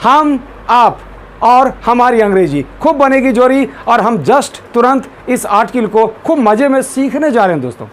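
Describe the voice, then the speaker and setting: High-voiced male teacher drilling. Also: lively intonation, a little slow, slight background noise. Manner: drilling, repeats questions and calls for answers. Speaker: English grammar teacher. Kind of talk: classroom lesson.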